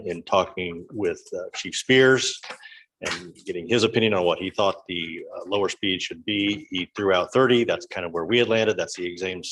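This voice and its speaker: Male town engineer, deep and fast, plain factual delivery. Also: a bit bright, a little hiss or hum, rough recording. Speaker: town engineer presenting to council. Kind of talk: formal briefing.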